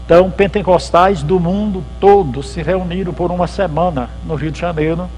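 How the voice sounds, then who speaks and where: A pastor tells church history conversationally at a theological symposium, acting out dialogues from the lecture hall. He has a high, darkish voice and a moderate pace. The recording is rough, with a little hiss or hum.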